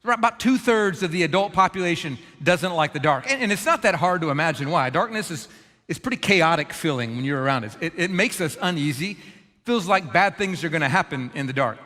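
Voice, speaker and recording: A man preaching a storytelling sermon, animated and self-deprecating, in a large church auditorium. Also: on the high side, a little fast. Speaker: pastor. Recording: long reverb of a large church hall.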